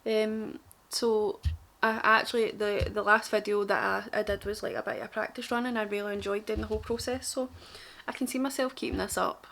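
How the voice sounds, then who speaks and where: A woman's voice: medium pitch, little pitch movement, a little fast, creaky, hardly any pauses, a bit bright. A young woman with a broad, strong Glaswegian Scottish accent, chatting casually and self-deprecatingly to camera in an informal, rambling makeup tutorial. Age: young adult. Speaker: beauty vlogger.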